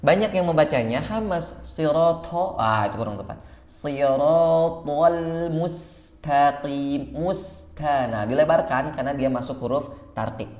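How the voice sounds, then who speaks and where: A man with an Indonesian accent teaching Quran recitation, switching between slow drawn-out chanting and quick spoken explanations. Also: medium pitch, lively intonation, reverberant. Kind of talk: online recitation lesson.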